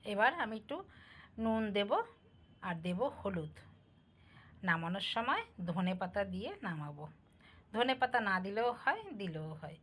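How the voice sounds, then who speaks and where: A middle-aged woman from a Bangal family with East Bengal roots cooks at home while chatting casually to viewers, asking them for comments in a homely way. As a cooking vlogger, she speaks at a moderate pace with long pauses, her medium-pitched voice expressive and a bit bright.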